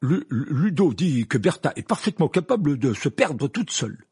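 A man's voice: on the high side, sing-song, normal speed, darkish tone, husky, voice pushed up, exaggerated voice. A man voicing a flustered, pompous middle-aged male minister who stammers and repeats himself. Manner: stammering, hesitant, repeats words.

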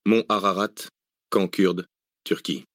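Male audiobook narrator, low voice, dry close sound, measured delivery. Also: steady tone, fairly bright tone, no echo. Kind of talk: scripted narration.

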